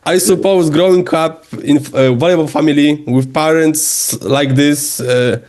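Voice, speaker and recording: A man's voice: on the high side, steady tone, unhurried, a little mellow. A man whose first language is Polish, hosting a podcast and asking interview questions in English, hesitant and often searching for words. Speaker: podcast host.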